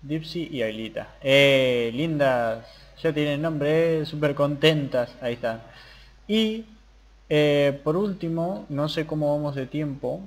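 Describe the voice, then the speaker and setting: A young man hosts a gaming channel, giving casual gameplay commentary and muttering to himself as he plays. His voice is a little high and slow.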